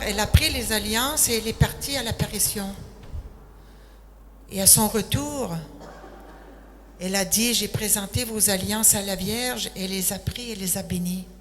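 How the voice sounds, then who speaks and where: An older woman from Quebec City, speaking with a Québécois French accent, shares a faith testimony slowly and unhurriedly, often beginning sentences with "alors". Her mid-range voice is fairly bright, recorded in an echoey hall with faint noise.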